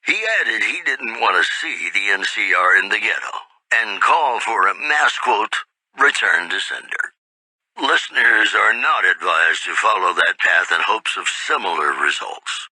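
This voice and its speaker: Mr. New Vegas, bright suave radio newsman. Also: on the low side, animated, measured pace, dry recording, heavily acted, low-quality recording. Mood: wry newscasting. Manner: smooth-talking, wry, intimate showman's delivery. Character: suave, folksy male radio newsman of a post-apocalyptic wasteland. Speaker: radio news presenter. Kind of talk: old-time radio newscast with casino sponsor plugs.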